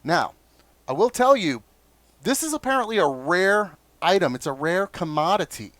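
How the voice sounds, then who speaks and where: A man's voice: high-pitched, very animated, normal speed, a bit bright, no echo. A man hosting a casual food review vlog, chatty and enthusiastic, often asking viewers questions.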